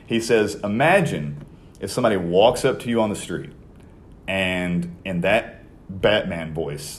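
A young man hosting a podcast, talking in a casual, conversational way with many fillers and restarts. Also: fairly low pitch. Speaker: podcast host.

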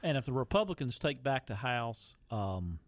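A man's voice: mid-range voice, big pitch swings, moderate pace, no room sound. A man co-hosting a talk radio show, chatting casually and opinionated. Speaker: radio co-host.

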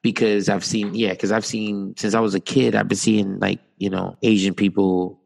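A man's voice: on the low side, flat delivery, normal speed, gravelly, darkish tone. A man co-hosting a casual podcast chat, joking and rambling. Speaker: podcast co-host.

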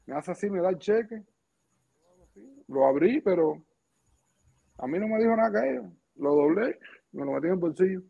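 A middle-aged man with a Cuban accent, a former pitcher telling anecdotes casually in an interview, slangy and lively, acting out the dialogue. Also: normal speed, creaky, pauses often, slightly rough. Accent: Cuban Spanish. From Cuba. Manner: lively storyteller, slangy asides, acts out dialogue. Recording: muffled lo-fi podcast audio.

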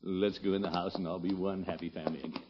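A man's voice: deep voice, little pitch movement, quick pace, close to an everyday voice. A man playing a pompous, fussy but good-natured middle-aged American uncle, blustering and hemming in an old radio comedy. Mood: indulgent. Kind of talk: 1950s radio comedy acting. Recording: muffled, hissy old radio recording.

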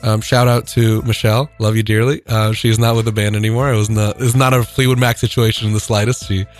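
A man's voice: on the low side, flat delivery, fast, soft background music. A young man, a band's singer and guitarist, chatting in a radio studio interview, joking and restarting his sentences as he rambles through a story. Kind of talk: casual radio interview chat.

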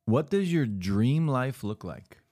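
A man's voice: medium pitch, very animated, slow, dark tone. A man co-hosting a podcast, chiming in with short, joking interjections during casual chat. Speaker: podcast co-host.

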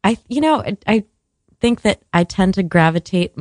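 A woman's voice: mid-range voice, lively intonation, moderate pace, darkish tone, no echo, clean studio sound. A woman hosting a conversational radio show in an informal, chatty way.

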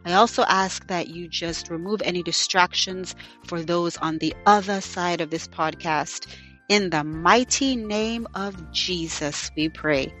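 Over soft background music, a young faith-podcast host speaks in a low, unhurried, fairly bright voice. American and partly raised in Jamaica, she first prays with fervor, often repeating thanks and "God," then casually shares personal stories packed with "you know."

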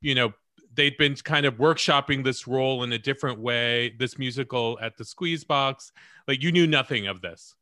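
A man's voice: medium pitch, normal speed, sharp tone, dry recording, studio quality. A man hosting an interview, asking easygoing, conversational questions. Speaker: host.

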